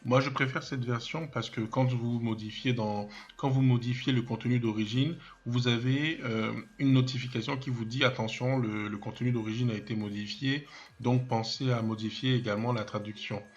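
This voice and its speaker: A man walks through a screen-recorded software lesson at a mid-range pitch. He stops and restarts often, fills gaps with hesitations, and cracks small jokes about himself. The audio is a little dull and lo-fi. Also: steady tone, normal speed. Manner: hesitant, many fillers and restarts, thinks aloud while clicking; self-mocking asides. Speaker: web development trainer.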